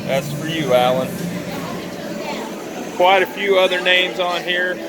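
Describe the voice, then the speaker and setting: A man's voice: high-pitched, slow, background noise. A man giving casual running commentary as a vlogger, recorded outdoors at a busy ballpark. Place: outdoors at a busy baseball stadium. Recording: outdoor ballpark, loud crowd and music. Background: loud crowd and music.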